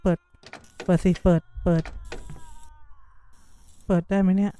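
Male gaming streamer, horror let's-play, skittish and chatty with chat, warm mellow tone. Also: sits high, level tone, a little slow, clean tone. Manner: jumpy, blurts repeated exclamations, asks viewers what they hear.

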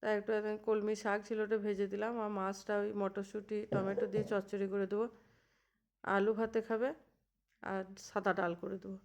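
A woman's voice: medium pitch, flat delivery, fairly quick, darkish tone. A woman in her thirties chatting in a homely, rambling way as she narrates a cooking vlog in her home kitchen. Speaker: housewife vlogger.

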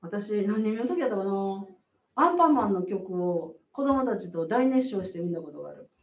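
A middle-aged midwife with a Kansai accent, giving animated, laughing, emphatic advice in a casual live stream. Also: female voice, mid-range voice, moderate pace, echoey room, recorded from a distance.

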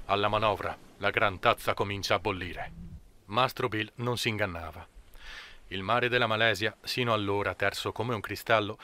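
Man reading an audiobook, bright tone. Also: on the low side, no room sound. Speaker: audiobook reader. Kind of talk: amateur audiobook narration.

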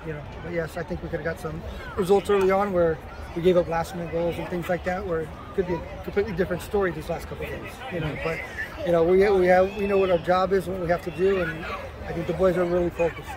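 After a match, outdoors at the stadium, a male coach with a high voice gives postgame press conference answers over the sound of the crowd. Fast and steady in tone, he speaks casually, repeating words and leaning heavily on "you know."

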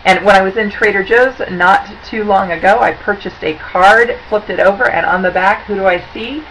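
A woman in her forties sits at her desk and talks to a webcam, presenting auction tips over slides in an upbeat, chatty, conversational manner. Her voice is medium-pitched and fairly bright at a moderate pace, recorded indoors with rough quality and some hiss or hum.

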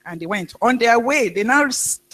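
A woman pastor preaching a sermon, telling a story in a halting way with frequent restarts. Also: fairly high pitch, lively intonation, fairly bright tone.

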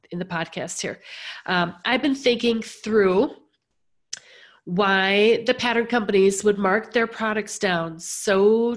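A woman podcast host with a gravelly voice, hoarse from being sick, talking casually and earnestly on a live stream. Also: lowish voice. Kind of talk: casual live-streamed talk about sewing.

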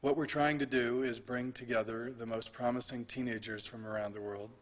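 A man as a college administrator in a documentary interview, measured and explanatory with frequent fillers. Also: medium pitch, steady tone.

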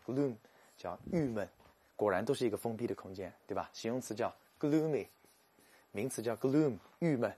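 A man giving a lively, joking English vocabulary lecture, slowing down to sound out English words. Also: lowish voice, husky. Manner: animated, jokey, stretches English words slowly to show pronunciation.

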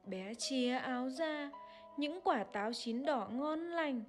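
Slow, gentle woman reading a children's story. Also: high voice, lively intonation, faint music behind.

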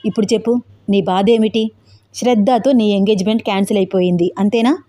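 A woman voicing a calm, fearless young man who taunts his attackers in a cool, mocking way. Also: medium pitch, fast talker, close to an everyday voice. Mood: coolly mocking.

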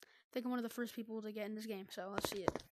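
A woman's voice: medium pitch, fairly even intonation, rapid-fire, very noisy. A woman giving upbeat, slangy commentary while trying out a new game for her channel, talking into a headset mic. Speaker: gaming video creator. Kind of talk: casual gameplay commentary.

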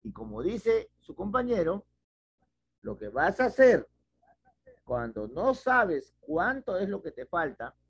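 Patiently explaining a math problem step by step with questions, a middle-aged man in a headset teaches online at a whiteboard from a small home room. He speaks slowly in a high, sing-song, breathy voice, heard through dull, dry, lo-fi video call audio.

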